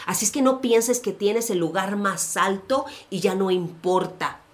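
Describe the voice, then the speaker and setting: A woman's voice: mid-range voice, measured pace. A woman, a pastor co-hosting a casual faith chat, telling stories with slangy asides. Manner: animated storytelling with slangy asides. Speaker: podcast co-host, pastor.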